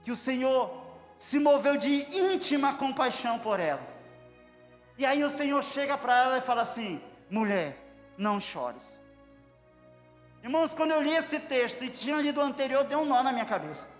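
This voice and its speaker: A man preaching an impassioned sermon, bursting into shouted praise. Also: very high-pitched, expressive, fairly quick. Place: church hall. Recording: echoey church hall with music.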